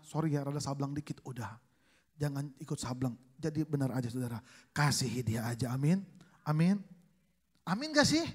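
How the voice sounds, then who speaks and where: Joking male pastor, slightly high voice. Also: a little mellow. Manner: joking storyteller, acts out family dialogue. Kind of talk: sermon. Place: church service.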